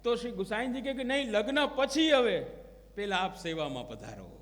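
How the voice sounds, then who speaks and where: Man, devotional preacher, very high voice, storytelling, echoing hall. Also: sing-song, moderate pace, a bit bright. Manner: storytelling, acts out quoted prayers and dialogue. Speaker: religious preacher. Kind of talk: devotional discourse. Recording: long hall reverb.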